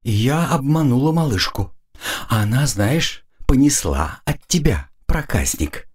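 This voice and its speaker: A man's voice: medium pitch, sing-song, measured pace, husky, pitched above the performer's own voice. A man reading the lines of a teasing, playful village aunt in an audiobook.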